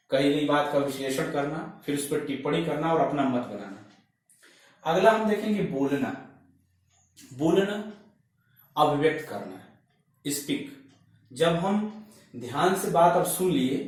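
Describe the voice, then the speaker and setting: A man with a fairly high voice delivers a methodical classroom lecture, working through his points in order. His voice sits back from the microphone and rings in a strongly echoing room. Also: far from the mic. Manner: methodical, lists points one by one. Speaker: teacher trainer. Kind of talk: lecture on language skills. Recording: echoey room, voice off-mic.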